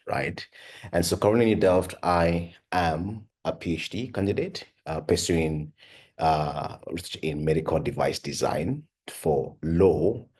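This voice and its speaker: For an online course, a device company founder and PhD researcher, a young man from Cameroon, recounts his story with earnest, conversational warmth and frequent "uh" and "you know" fillers. His pitch is extremely low, a touch mellow, with a breathy edge.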